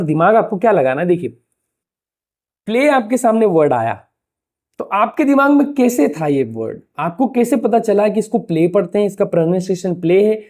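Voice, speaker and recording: A man's voice: sits high, darkish tone. A man teaching a lesson in a casual, chatty way. He asks rhetorical questions and speaks to viewers like a familiar tutor. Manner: rhetorical questions, addresses listeners as "bhaiya". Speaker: English teacher. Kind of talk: casual explanatory lesson to camera.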